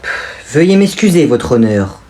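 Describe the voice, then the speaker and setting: A man's voice: medium pitch, big pitch swings, unhurried, dark tone. A man playing a smug, spoiled rich young man who talks down to everyone in a whiny, dismissive way. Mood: scornful. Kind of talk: comedy sketch acting.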